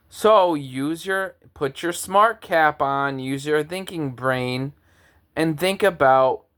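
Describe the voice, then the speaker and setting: Composer guy in his 30s, talks slow and lecture-y, smooth clear voice, kinda grandiose. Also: mid-range voice, fairly bright tone. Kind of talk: spoken monologue to camera.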